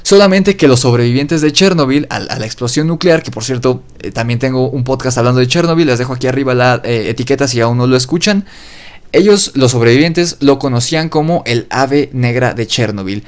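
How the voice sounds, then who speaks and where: A man's voice: mid-range voice, a little fast. A man hosting his own podcast, telling an eerie story in a loose, conversational way and often correcting himself mid-sentence. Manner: loose spoken retelling with fillers and self-corrections. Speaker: podcast host. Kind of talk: casual storytelling narration.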